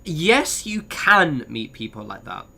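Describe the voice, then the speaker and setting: A man's voice: fairly high pitch, very animated, slow pace, creaky, bright, forceful tone. A man with a modern British Received Pronunciation accent, giving chatty, sweary, bantering commentary as he streams a game. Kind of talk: casual gameplay commentary.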